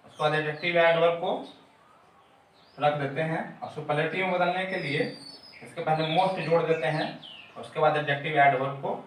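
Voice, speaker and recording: An English teacher walks through a grammar lesson step by step, repeating his key terms. His voice is fairly high, and the recording has slight background noise from a very echoey room with the mic placed far away.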